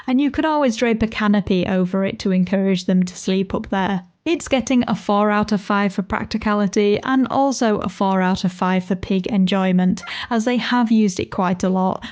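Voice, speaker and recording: A woman's voice: mid-range voice, a little mellow. A woman reviewing guinea pig products in a chatty vlog, laughing often and cooing at her pets.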